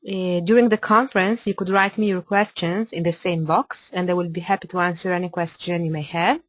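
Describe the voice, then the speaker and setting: Speaking in careful, somewhat halting English, an architect from Italy presents a webinar; she is a native Italian speaker with a noticeable accent. Her pitch is fairly low and her tone steady, in a dry recording.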